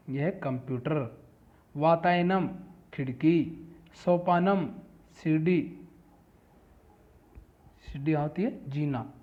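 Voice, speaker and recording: A man teaching a lesson, reading each word aloud and then giving its meaning. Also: a little high. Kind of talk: classroom lesson explaining Sanskrit words. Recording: tinny phone-like audio.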